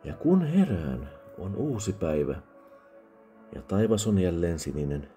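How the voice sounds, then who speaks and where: A man voicing a frightened young noble girl, speaking timidly with a raised pitch. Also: big pitch swings, warm tone, soft background music.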